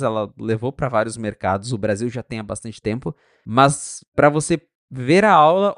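A man co-hosting a podcast in casual tech chat, animated and chatty, acting out little dialogues with friends. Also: mid-range voice, gravelly, no echo, studio quality. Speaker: podcast co-host.

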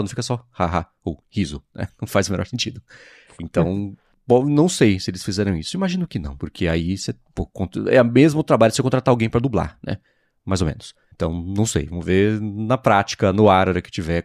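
A man co-hosting a podcast, explaining things in a measured way in casual tech chat. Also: lowish voice, a little mellow, no echo, clean studio sound. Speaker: podcast co-host.

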